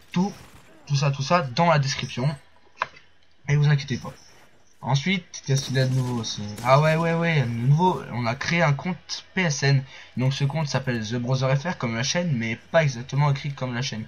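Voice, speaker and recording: French guy rambling over game footage, lots of euh and restarts, mid-pitch voice, faint hiss behind. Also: normal speed. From France. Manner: rambling, filler-heavy, restarts often. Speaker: gameplay commentator. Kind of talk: casual gameplay commentary.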